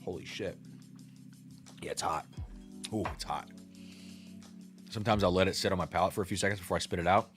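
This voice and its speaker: A man's voice: low-pitched, brisk, long pauses, fairly bright tone, faint music behind. A man in his thirties hosting a casual livestream tasting, thinking aloud and reacting to chat. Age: 30s. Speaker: host.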